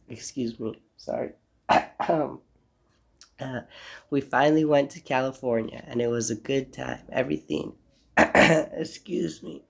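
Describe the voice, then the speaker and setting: Stuffed up from a cold, a young podcast host talks alone from a home room in a rambling, reflective way, apologizing in asides as he goes. He has a mid-range voice with vocal fry.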